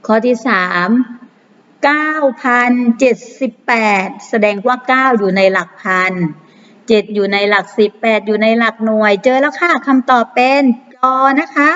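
Higher-voiced woman teacher walking young pupils through math exercises, patient and repetitive, in a dull, echoing recording. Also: a bit bright. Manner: patient, repeats numbers slowly with frequent polite particles. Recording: muffled long reverb.

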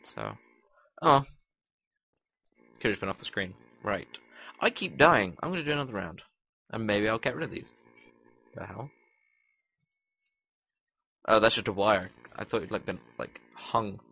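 A man's voice: on the low side, unhurried, gravelly, pauses often, pushed and bright. A young man giving casual, rambling gameplay commentary with a wry, offhand manner. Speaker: gaming video host.

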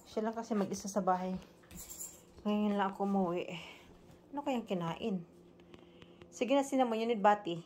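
A woman's voice: a little high, slight background noise. A woman with a Filipino accent filming a casual home vlog on her phone. She coaxes her dog in baby talk and repeats short commands, switching between English and Tagalog. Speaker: family vlogger and dog owner. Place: at home, then in a bathroom bathing the dog. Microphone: phone camera held by the speaker.

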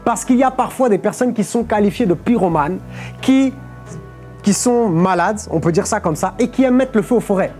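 This livestream sermon comes from a young Portuguese preacher at a studio lectern, faint music behind him. He speaks at an ordinary pace in a high, relaxed, mellow voice. His explanations are patient, dotted again and again with "ok?" and "amen."

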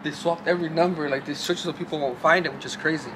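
A man's voice: on the high side, fairly even intonation, fast. A young man vlogging to camera and talking loosely, with lots of swearing and fillers. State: shaking from cold. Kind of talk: casual vlog. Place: outdoors on a city street, later a hotel room. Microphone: handheld camera filmed by a friend. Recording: noisy street and room ambience.

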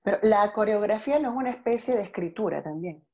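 A woman's voice: medium pitch, lively intonation, fast, dark tone, lo-fi sound. A woman hosting a conversational interview, reacting with affirming exclamations and short follow-up questions. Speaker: interviewer host.

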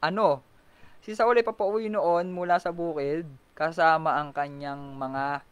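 A man leading an online Bible study sermon, animated, full of rhetorical questions, often clearing his throat. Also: fairly high pitch, measured pace. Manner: animated, swinging from loud to soft.

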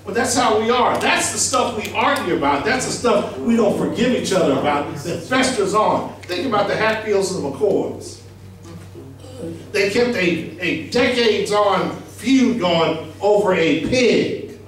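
A man's voice: high-pitched, animated, unhurried, a bit bright, soft background music. A middle-aged man, preaching a sermon into a handheld mic, emphatic and conversational, asking the congregation questions. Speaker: pastor. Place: small church sanctuary. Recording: echoey church from a distant camera.

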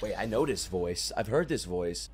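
Animated young man, casual and blunt. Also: fairly low pitch, normal speed, over music. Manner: excitable, blunt, sweary. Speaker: reaction video host. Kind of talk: casual reaction commentary. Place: small furnished room indoors. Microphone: close desk mic on boom arm.

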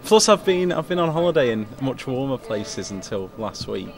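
A man from further south in Britain, chatting in a newsroom with a good-humoured, slightly sheepish manner. His voice has a gravelly, fry-tinged edge at a middle pitch, caught by a handheld camera nearby. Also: big pitch swings, normal speed. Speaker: traffic reporter. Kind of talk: casual banter. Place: television newsroom.

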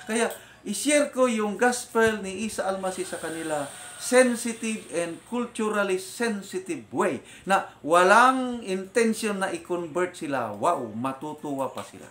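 An older man with a Filipino accent gives a spoken testimony as a retired officer, mixing Tagalog with English as he goes. His voice sits high for a man and is animated. The recording carries a roomy echo. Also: measured pace, slight background noise. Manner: animated storytelling, switching between Tagalog and English. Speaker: vlogger and retired military officer.

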